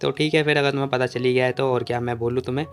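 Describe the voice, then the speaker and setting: A man's voice: medium pitch, fairly even intonation, racing, voice pushed down, lightly acted. A man reading a grumpy sulking young man. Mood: sulky. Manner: curt, grumbling complaints.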